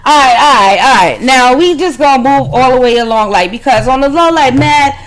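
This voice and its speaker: A woman's voice: sits high, brisk. A woman co-hosting a podcast in casual, heated chat, arguing in profane slang. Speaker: podcast co-host.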